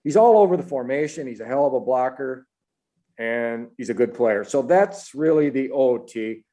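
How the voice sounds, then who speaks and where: A man's voice: mid-range voice, lively intonation, moderate pace, warm tone. Matter-of-fact male football analyst, clipped phrases. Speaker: football analyst and show host. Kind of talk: sports analysis with stats and ratings.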